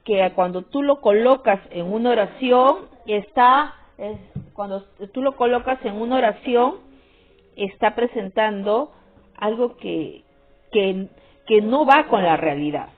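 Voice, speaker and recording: A woman's voice: a little high, lively intonation, measured pace. A woman teaching a grammar lesson, often checking understanding with short questions. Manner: repetitive, checks with frequent "¿sí?" and "¿no?". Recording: tinny phone-like sound with faint music.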